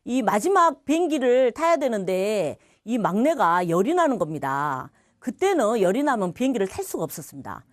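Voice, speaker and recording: Animated Korean woman giving a testimony. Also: on the high side, moderate pace, hardly any pauses, no room sound, clean studio sound. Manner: lively storytelling, acting out quoted voices. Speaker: church testimony speaker. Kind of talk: personal faith testimony.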